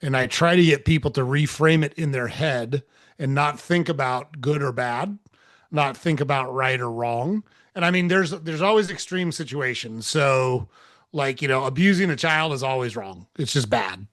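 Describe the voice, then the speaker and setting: A man's voice: mid-range voice, normal speed, fairly bright tone, no echo, studio quality. A man who is a guest on an interview, explaining his outlook in an earnest, coaching way. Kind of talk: reflective interview talk.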